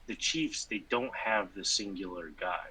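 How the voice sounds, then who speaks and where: A man co-hosting a casual sports podcast, rambling with lots of fillers and sudden animated bursts. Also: lowish voice, moderate pace, a crowd in the background, rough recording. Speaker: podcast co-host.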